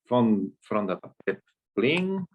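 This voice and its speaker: A man's voice: on the low side, sing-song, slow, slightly rough. A man teaching a screen-share coding lesson, explaining step by step and checking in with his listeners after nearly every point. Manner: explanatory, frequent "¿eh?" and "¿ok?" check-ins. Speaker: data instructor. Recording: dull lo-fi sound.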